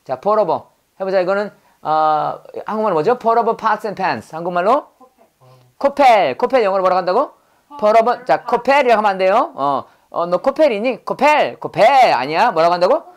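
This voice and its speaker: Expressive and high-voiced, a middle-aged pastor moves at a moderate pace through an English vocabulary lesson. He corrects pronunciation, asks quiz questions, and runs call-and-response drills with the class repeating each word.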